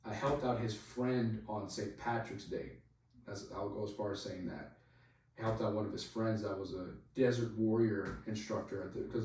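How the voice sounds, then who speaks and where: Guy rambling through an army story, lowish voice, lots of "like", sounds far off the mic. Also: a little mellow. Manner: rambling, heavy use of "like", swears freely. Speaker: podcast guest telling a story; soldier. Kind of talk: casual storytelling. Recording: very echoey room, voice far from mic.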